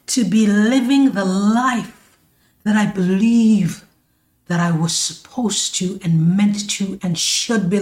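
Woman coach doing a slow motivational podcast, calls everyone my loves, laughs a lot, echoey room. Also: fairly high pitch. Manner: affectionate, calls listeners "my loves" and "baby"; laughs often, drawn-out emphatic phrasing. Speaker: life coach and podcast host.

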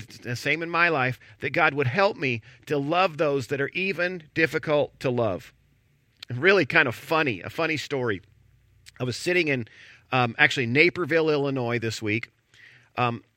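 A middle-aged man preaching a sermon as pastor, telling a story in a chatty, animated way. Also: mid-range voice, dry recording, clean studio sound. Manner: conversational storytelling with animated emphasis.

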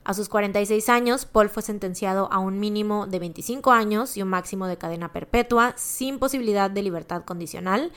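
A woman's voice: medium pitch, brisk, few pauses, fairly bright tone, clear, resonant tone. Podcast co-host, woman, Mexican accent, chatty and slangy storyteller. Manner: chatty, slangy, recounting a case with asides. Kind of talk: casual true-crime podcast chat.

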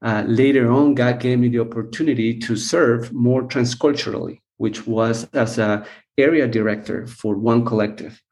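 Middle-aged costa rican guy, slow and thoughtful, lots of uhs, talking into a call mic. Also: mid-range voice, steady tone, darkish tone. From Costa Rica. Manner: measured, unhurried, with frequent "uh" pauses. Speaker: missions team leader, guest. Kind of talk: relaxed personal storytelling.

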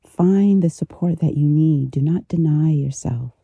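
A meditation teacher guiding relaxation gently, with a soft, intimate delivery right in the listener's ear. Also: medium pitch, creaky, breathy edge, dry recording, dull audio. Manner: slow, unhurried, gentle pauses. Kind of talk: guided meditation, soothing instruction.

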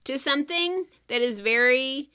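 A woman's voice: high-pitched, moderate pace, pushed and bright, clean tone. A woman explaining a strategy in casual chat, step by step, with many "like" fillers.

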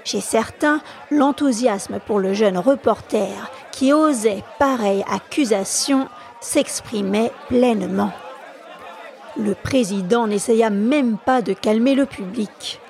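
A woman podcast storyteller reading a classic novel aloud in a measured, expressive way. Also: a little high, creaky, some chatter behind, slight background noise.

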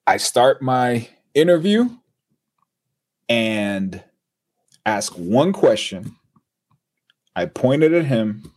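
A man telling an animated story as a guest on an interview show, acting out the people he quotes. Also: lowish voice, husky. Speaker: guest, TV and radio personality.

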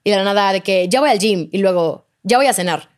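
At medium pitch and a fairly quick clip, a young woman guesting on a podcast shares a personal story in relaxed talk. She's expressive, often quoting people directly, and her speech is thick with fillers including "de que" and "o sea."

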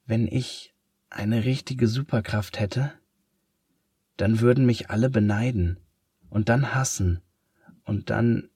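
A man voicing a shy, strange new schoolboy who speaks very quietly, slowly and softly. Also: on the low side, husky, no room sound, clean studio sound, pitched above the performer's own voice, full character voice. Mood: timid. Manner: very quiet, slow and soft.

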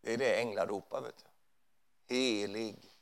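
A man's voice: mid-range voice, expressive, creaky. A man preaching in a church hall, conversational, often checking in with his listeners. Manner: conversational preaching with frequent tag questions. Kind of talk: sermon.

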